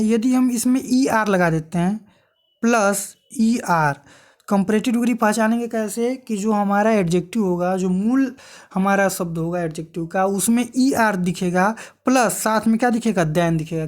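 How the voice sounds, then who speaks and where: A woman's voice: mid-range voice, normal speed, a little mellow. Woman teaching grammar. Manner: explains patiently, asks and answers her own questions. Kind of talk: exam-prep grammar lesson.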